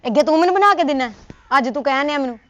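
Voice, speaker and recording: A woman with a Punjabi accent acting a sharp-tongued, nagging wife in a comedy sketch. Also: high-pitched, animated, very fast, no room sound. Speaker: comic actor as a scolding wife.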